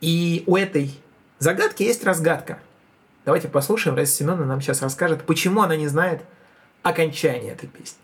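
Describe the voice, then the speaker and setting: A man's voice: a little high, fairly quick. A man, a folklore collector, presenting and explaining a field recording with enthusiasm.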